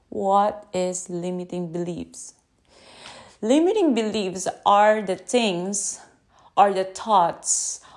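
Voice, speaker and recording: A woman with a Filipino accent hosting an unscripted podcast into her phone, gently guiding breathing and then talking in a halting way with many restarts. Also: mid-range voice. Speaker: podcast host.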